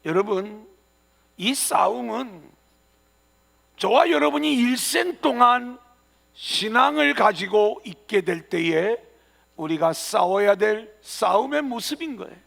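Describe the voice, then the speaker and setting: A man's voice: sits high, expressive, takes it slowly, gravelly, fairly bright tone. A male pastor preaching a sermon in a church, earnestly, with emphatic rising phrases. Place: church sanctuary. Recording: long reverb of a church hall.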